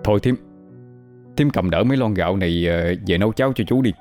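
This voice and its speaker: A man voicing a patient young man who coaxes an angry woman gently in a told story. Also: fairly low pitch, fast talker, faint music behind, natural voice. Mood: gentle. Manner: gentle, coaxing. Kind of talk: storytelling with voices.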